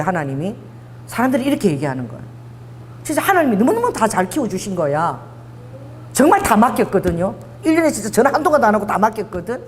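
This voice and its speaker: In a church sanctuary with a long hall reverb, a middle-aged pastor from Busan, South Korea, delivers a sermon in her Busan dialect. Her voice sits a little high, with slight background noise. She acts out dialogue, laughs a lot, and tells her stories with real animation.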